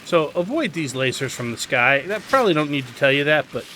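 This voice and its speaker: This gaming host's voice sits on the high side and is very animated, running a little fast. He walks viewers through the gameplay in a chatty, explanatory tutorial, with game noise faintly audible.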